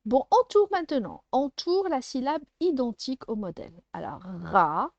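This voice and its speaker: A woman's voice: high-pitched, big pitch swings, normal speed, mellow, no room sound, highs cut off. A woman teaching a first-grade phonics lesson, patiently sounding out syllables and letter sounds for a child.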